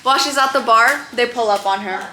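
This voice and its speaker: Rambling bright-voiced woman, roomy echo. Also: a little high, a little fast. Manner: rambling, filler-heavy, lots of "like". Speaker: vlogger explaining internet drama to a friend. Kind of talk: casual storytelling chat. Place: a bedroom.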